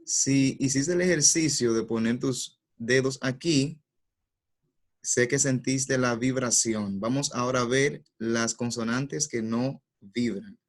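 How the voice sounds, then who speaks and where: A male teacher giving a pronunciation lesson at a calm, slow pace, with a mid-range voice. He repeats each sound twice, slowly and deliberately, and walks through every rule patiently. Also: mid-range voice. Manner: patient, explains step by step.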